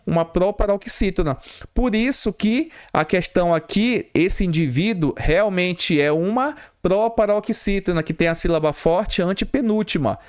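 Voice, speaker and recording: A man's voice: sits high, moderate pace, clean tone. A Brazilian Portuguese man teaching a grammar lesson for exam prep, explaining step by step and asking and answering his own questions.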